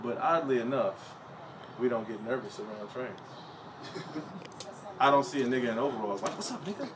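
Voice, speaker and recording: A man's voice: medium pitch, normal speed. A young adult man doing a profane, conversational stand-up comedy set on stage. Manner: profane, conversational, punchline-driven. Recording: distant, noisy stage recording.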